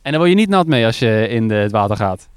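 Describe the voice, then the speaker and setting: A man's voice: lowish voice, big pitch swings, fast talker, clear, resonant tone, no room sound. A man reporting from a lakeside jetty in the rain, chatty and curious, often stumbling over his words. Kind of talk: outdoor field report.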